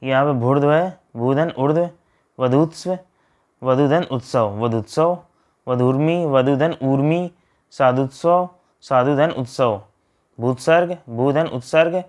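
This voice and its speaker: A man teaching a grammar lesson, reading out word pairs and splitting each one in a steady drill. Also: mid-range voice, a little slow.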